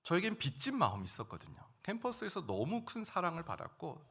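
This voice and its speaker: A middle-aged male pastor preaching a sermon, telling a personal story and swinging between hushed and loud moments. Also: high voice, wildly swooping pitch, fast talker, breathy edge. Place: church sanctuary.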